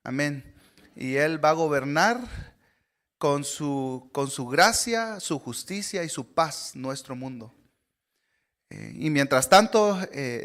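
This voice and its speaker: A man, preaching a sermon as a visiting speaker. His voice sits a little higher than most men's. He talks earnestly, with frequent "eh" fillers and tag questions to the congregation. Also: a bit bright. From Honduras. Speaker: guest preacher.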